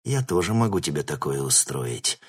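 A man's voice: on the low side, expressive, normal speed, a bit bright, slightly rough. A man voicing a fierce young male hero who talks in curt, threatening lines in an audiobook. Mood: stern.

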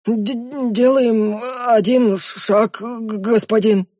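An audiobook reader voicing a sly, fawning red-haired servant who wheedles and makes excuses. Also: male voice, very high-pitched, moderate pace, dark tone, husky, no echo, studio quality, voice pushed up. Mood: stammering. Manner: wheedling, excuse-making, stammers when scared.

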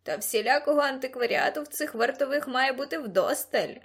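A woman voicing a sarcastic male gargoyle demon who croaks and mocks in an audiobook. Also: sits high, fairly quick, fairly bright tone, exaggerated voice. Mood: mocking. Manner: croaking, mocking.

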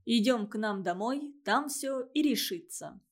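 A woman's voice: a little high, lively intonation, measured pace. A woman voicing a firm, kind older army colonel. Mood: resolute. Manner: firm decisive.

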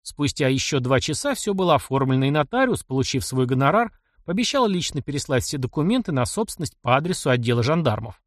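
A man reading a novel aloud as the audiobook narrator, with an expressive reading style. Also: medium pitch, fast talker, hardly any pauses, no room sound, clean studio sound. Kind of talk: scripted narration.

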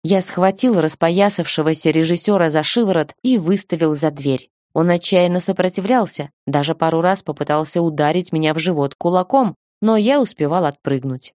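Woman narrating a story audiobook, lowish voice, super dry. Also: normal speed, hardly any pauses, dry recording. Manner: steady storytelling reading. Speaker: audiobook reader. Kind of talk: first-person audiobook narration.

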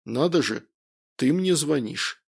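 A man voicing a weary, thoughtful man who speaks slowly and quietly, in an audiobook. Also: fairly high pitch, animated, gravelly, breathy edge, full character voice. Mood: subdued. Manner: slow, subdued.

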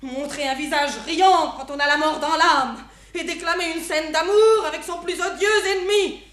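A very high-voiced, jealous mother in a classic stage comedy. She declaims with hammy theatrical fury. The sound is echoey. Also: steady tone, moderate pace, a bit bright. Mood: melodramatic outrage.

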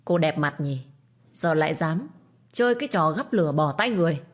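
A woman's voice: sits low, expressive, normal speed. A woman voicing a stern young man, master of a household, speaking curtly and with scorn. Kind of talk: storytelling with acted dialogue.

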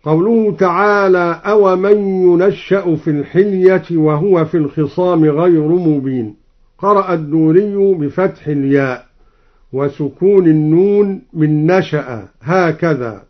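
A man presenting Quran recitation readings, explaining each variant and then chanting it in a slow melodic style, on an old radio recording. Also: a little high, dull audio. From Egypt.

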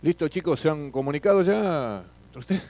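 A man's voice: a little high, animated, moderate pace, darkish tone. Man lecturing a class, tag questions. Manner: frequent tag questions, repeats words. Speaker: teacher.

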